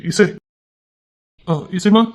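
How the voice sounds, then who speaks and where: A male storyteller who reads an audio love story, voicing its characters with emotional, tearful delivery. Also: extremely slow. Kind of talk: dramatic audio story narration. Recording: dull lo-fi recording.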